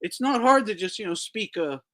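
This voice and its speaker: A man hosting a casual boxing talk show, talking in a profane, animated way, laughing often and mimicking people. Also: high voice, normal speed. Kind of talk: casual chat.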